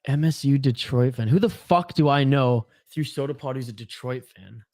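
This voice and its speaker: A young Canadian man hosts a live hockey watch-along stream, chatting casually, reading viewer comments out loud and swearing freely. His mid-range, darkish voice moves at a moderate pace, recorded dry with studio quality.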